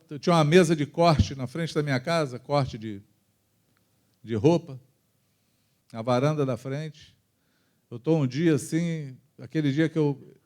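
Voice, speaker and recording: A man with a Brazilian accent preaching a testimony in church, moving between loud and soft passages as he tells his story. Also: on the high side. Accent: Brazilian Portuguese. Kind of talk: sermon testimony.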